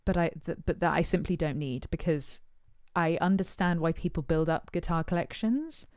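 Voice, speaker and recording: A woman's voice: fairly low pitch, moderate pace, a little mellow, dry recording, studio quality. A woman musician answering her supporters' questions in casual chat, thoughtful and hesitant with many ums and uhs.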